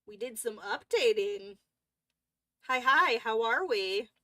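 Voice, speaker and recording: Slow chatty lady streamer, kinda high voice, lots of ums and restarts, dry close sound. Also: expressive, pushed and bright, no room sound. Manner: chatty and rambling, with frequent fillers and restarts. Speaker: coloring livestream host. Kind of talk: casual livestream chat while coloring.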